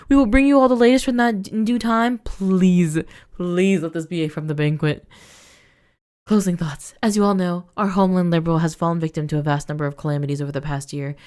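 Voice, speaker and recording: A woman's voice: lowish voice, darkish tone. A woman playing a story game who reads its text aloud and breaks off into emotional, gushing reactions. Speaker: let's play streamer.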